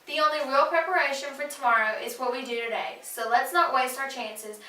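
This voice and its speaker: A woman's voice: high voice, a little fast, bright, forceful tone. A young female student reading scripted announcements in the style of a school intercom. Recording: echoey, distant mic, faint room noise.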